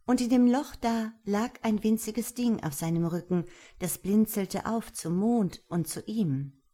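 A woman reading a fairy tale aloud in an expressive, measured storytelling manner. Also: medium pitch. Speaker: narrator.

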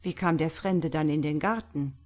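A woman playing a sharp, impatient doctor. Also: deep voice. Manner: forceful, sharp, quick to anger.

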